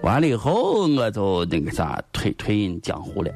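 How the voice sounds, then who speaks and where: A man with a Shaanxi accent plays a boastful comic character. His pitch leaps wildly from line to line. He keeps exclaiming and repeating himself while music plays underneath. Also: wildly swooping pitch, moderate pace. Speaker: comedy sketch performer. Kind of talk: comic dialect sketch. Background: background music.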